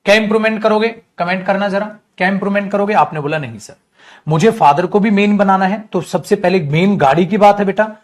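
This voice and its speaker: A man teaching English grammar in an online coaching class, lively, calling students "beta" and answering his own questions. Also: sits high, a little fast.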